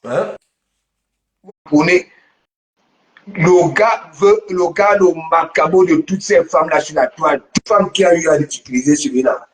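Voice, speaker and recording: High-voiced man prodding a guest. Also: a little slow, pauses often. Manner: prodding, chiming in with short agreements. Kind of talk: casual chat.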